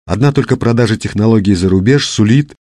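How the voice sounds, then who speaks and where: Man voicing a female news anchor, formal, upbeat, a bit higher, dry. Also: fast talker, dark tone, dry recording, close to an everyday voice. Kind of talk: news reading.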